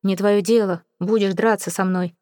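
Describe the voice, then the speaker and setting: A woman voicing a drunk, belligerent male army lieutenant in an audiobook, speaking slowly and with contempt. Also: mid-range voice, steady tone, dark tone, no echo, studio quality, natural voice. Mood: furious. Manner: slow, taunting, contemptuous. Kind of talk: audiobook character reading.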